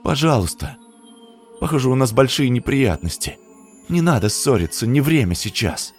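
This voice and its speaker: Timid young nurse, soft and pleading, as a male narrator puts her on, husky. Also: medium pitch, animated, normal speed, faint music behind, pitched above the performer's own voice. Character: scared young woman nurse, gentle and pleading.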